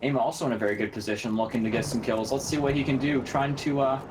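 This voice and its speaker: A man giving quick, energetic play-by-play commentary on an online game match, laughing easily, with game gunfire going on behind him. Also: mid-range voice, background noise. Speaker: esports commentator. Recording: game gunfire loud in the background.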